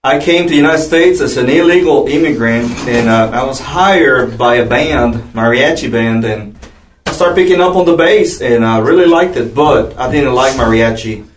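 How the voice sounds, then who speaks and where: A man's voice: medium pitch, normal speed. A cheerful, often laughing man from Mexico City talks about his band. He sounds distant from the mic in a roomy space, with faint noise behind. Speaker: band bassist. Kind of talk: casual interview chat.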